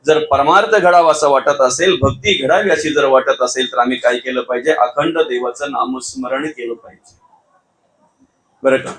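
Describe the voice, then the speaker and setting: A male devotional preacher giving a Marathi sermon in an emphatic style, often rising to near shouts and calling the listeners Mauli, with a rural Thane-region Marathi accent. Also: medium pitch, normal speed, poor audio. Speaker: kirtankar preacher.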